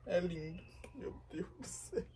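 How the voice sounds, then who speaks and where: A woman's voice: fairly low pitch, expressive, unhurried, warm tone, slightly rough, far from the mic, exaggerated voice. A woman playing a young boy in a comedy sketch who thanks his family with overdone, mock-sincere gratitude. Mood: sarcastic. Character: young boy, sarcastically grateful.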